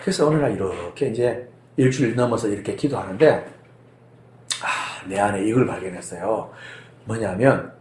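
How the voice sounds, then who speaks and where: A man's voice: on the low side, moderate pace, a little hiss or hum. A male pastor preaching a sermon, telling a personal story with animation and acting out the people in it. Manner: animated storytelling, acts out phone arguments. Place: church sanctuary. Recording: echoey church hall.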